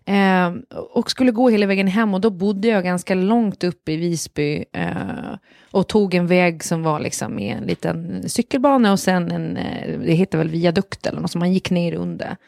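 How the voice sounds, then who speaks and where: A woman co-hosting a casual chat, telling a story in a relaxed, unhurried way. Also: on the low side, vocal fry, no room sound, studio quality.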